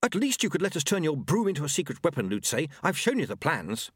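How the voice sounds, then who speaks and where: In a storybook reading, a man plays an excitable old monk who invents things, proudly showing off his creations in a high voice that swings about eagerly. The heavily acted delivery is fairly quick and husky, recorded in clean studio sound with no echo.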